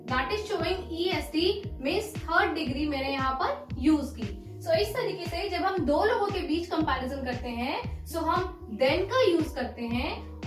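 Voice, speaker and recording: A woman teaching English grammar in a lesson, slowly spelling out word forms one by one. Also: high-pitched, roomy sound, low-quality recording. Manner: slow, deliberate dictation of word forms.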